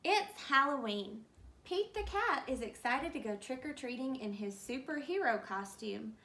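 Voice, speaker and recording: A woman teacher reading a picture book aloud to children, gently pointing out the pictures and explaining. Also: sits high, expressive, unhurried.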